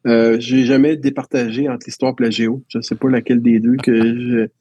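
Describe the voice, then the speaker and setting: In a casual interview, a Quebec French-accented man who teaches looks back on his school years, restarting often as he tells his stories. He speaks fairly quickly in a level, dark, husky mid-range voice, and the highs in the recording are cut off.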